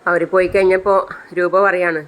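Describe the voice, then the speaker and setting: A man's voice: sits high, little pitch movement, moderate pace, fairly bright tone, smooth, poor audio. A man retelling a TV serial episode in plain storytelling, reading the characters' lines in his own voice. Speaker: serial recap vlogger.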